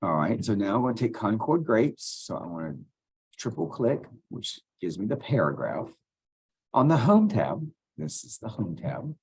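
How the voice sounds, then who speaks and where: Very animated and at a moderate pace, this teacher has a gravelly, husky voice on the low side with a darkish tone. He talks while clicking, guiding students casually through a computer task step by step in a screen recording.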